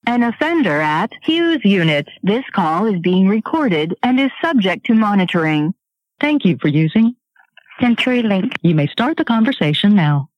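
A woman's voice: mid-range voice, very animated, normal speed, dry recording. A recorded automated woman's voice announcing a collect call, heard over a prison payphone line. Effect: heard through a prison payphone line. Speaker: automated phone operator prompt. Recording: muffled, distant phone line.

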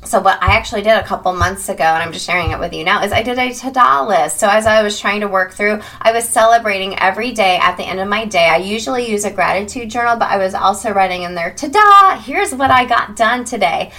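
A woman's voice: medium pitch, fast talker, hardly any pauses, fairly bright tone. A woman hosting a self-help podcast, talking in an upbeat, chatty way and playfully exclaiming. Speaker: podcast host and habit coach. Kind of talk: casual podcast monologue.

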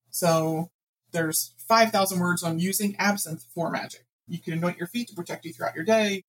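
A woman guest author telling anecdotes in a casual interview, animated and laughing often. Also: fairly low pitch, a little hiss or hum, rough recording.

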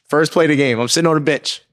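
A young man, a pro basketball player as guest, telling lively stories in slangy casual chat and acting out what people said. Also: fairly high pitch. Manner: slangy, animated, acts out quotes, laughs often.

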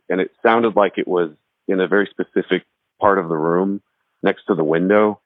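A man's voice: low-pitched, no echo. A man from Texas casually recounting a story at home in a loose, rambling way, with restarts. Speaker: musician and homeowner telling a ghost story. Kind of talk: casual spoken recollection. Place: his house in the woods. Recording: dry, thin phone-like sound.

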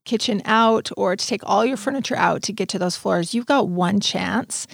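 A woman's voice: medium pitch, normal speed, gravelly, no room sound, clean studio sound. A woman hosting an advice show's next-episode teaser, talking in an informal, plainspoken way. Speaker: host giving advice.

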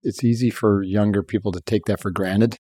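A man's voice: fairly low pitch, steady tone, a little fast, dark tone, no room sound. Enthusiastic man hosting a dry-sounding chat. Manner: enthusiastic, chatty, loose with fillers. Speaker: podcast host. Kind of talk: casual interview chat.

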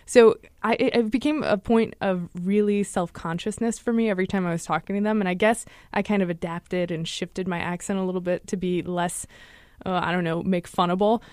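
A woman hosting a radio talk show, telling stories in a chatty, animated way. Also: lowish voice, brisk, dry recording, studio quality.

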